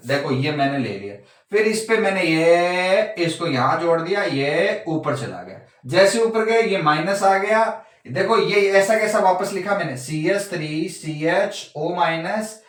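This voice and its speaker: Male lecturer, fairly high voice, chatty, quizzes the class; heavy room echo, far from mic. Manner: chatty, keeps asking the class questions. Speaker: chemistry teacher.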